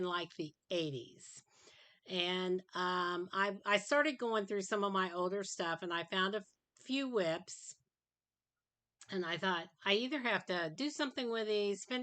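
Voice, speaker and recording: Rambling through a casual show-and-tell in her home craft room, a middle-aged woman who vlogs about crafts fills her talk with ums and uhs. Her mid-range voice has a fairly bright tone and is dry following a sinus infection.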